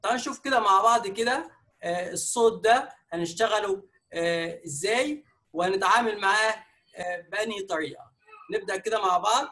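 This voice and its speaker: High-voiced Egyptian man teaching. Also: fast talker, pushed and bright. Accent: Egyptian Arabic. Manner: patient, explains step by step with many fillers. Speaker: English teacher. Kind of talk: explaining a lesson.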